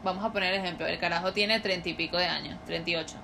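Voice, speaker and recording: Bright-voiced teen girl chatting. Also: fairly low pitch, steady tone, rapid-fire, vocal fry, a little hiss or hum. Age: late teens. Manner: rambling, storytelling, laughs often. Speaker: podcast co-host. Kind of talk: casual chat.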